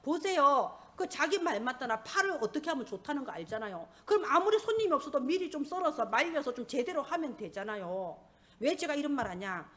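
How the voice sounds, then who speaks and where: A middle-aged woman pastor, preaching a sermon in an animated, humorous storytelling way. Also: sits high, brisk.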